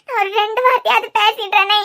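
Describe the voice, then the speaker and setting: A woman's voice: extremely high pitch, fairly even intonation, fast, bright, forceful tone, exaggerated voice. A woman voicing a frightened pregnant young woman in labor, pleading fearfully in a Kanyakumari Tamil accent. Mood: scared pleading.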